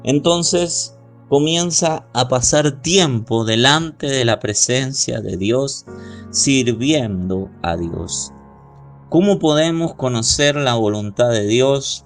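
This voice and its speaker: A man preaching a sermon as pastor, slowly and deliberately, stretching out key words and reading scripture aloud. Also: medium pitch.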